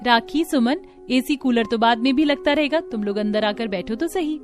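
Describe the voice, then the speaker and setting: Woman doing all the lady voices in a cartoon story, bit high, dramatic, with music playing under it. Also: moderate pace. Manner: expressive and dramatic, switching between figures. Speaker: voice artist for the animated figures.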